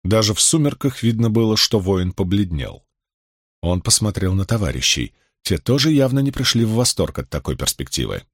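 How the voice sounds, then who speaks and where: A man narrating an adventure novel in an expressive, measured voice. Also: lowish voice, no room sound, clean studio sound. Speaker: audiobook narrator. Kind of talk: scripted narration.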